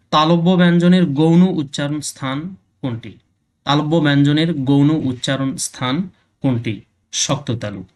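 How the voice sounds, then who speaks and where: A man's voice: medium pitch, a little mellow. Bangladeshi man teaching an exam lesson. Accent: Bangladeshi Bengali. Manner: reads each question twice, then gives the answer.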